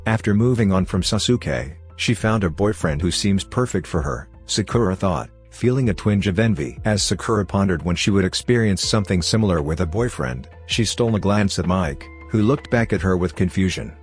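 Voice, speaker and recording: A man narrating a scripted fan story in an even, unhurried way. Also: low voice, faint music behind.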